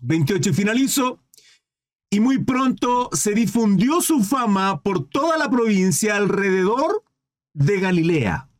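On a livestream microphone, a high-pitched man preaches in a Bible study, reading scripture aloud and then commenting with rhetorical questions and asides to viewers.

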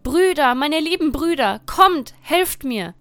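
A terrified young wife begs and calls for help in high, desperate cries, as a woman reading the tale acts her out. Soft music hums behind the storybook voice. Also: expressive, moderate pace, dry recording, lightly acted. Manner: pleading, crying out desperately. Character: frightened young wife pleading for her life.

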